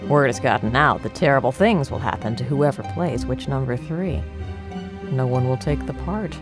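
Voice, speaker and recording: A woman narrating a cartoon in a measured, dramatic tone. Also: extremely low pitch, over music. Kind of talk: scripted narration.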